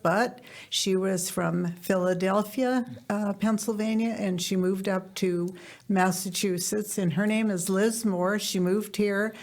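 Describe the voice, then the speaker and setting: A woman from the US East Coast hosting a podcast, chatting effusively with her guest in a casual interview. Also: medium pitch. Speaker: podcast host.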